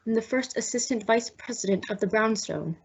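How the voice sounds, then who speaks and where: Brisk and gravelly with a breathy edge, a fairly high-pitched woman plays a fussy, anxious male executive in a radio mystery, using a formal, hesitant manner. The old-time acting comes through dull, lo-fi audio with an uneasy, formal mood.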